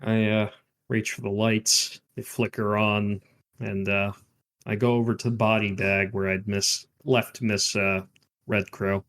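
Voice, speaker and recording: A man's voice: on the low side, little pitch movement, a little slow, a bit bright. A man playing a tabletop game, describing his moves in a hesitant way. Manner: hesitant, filler-heavy. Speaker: player. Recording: music bed underneath.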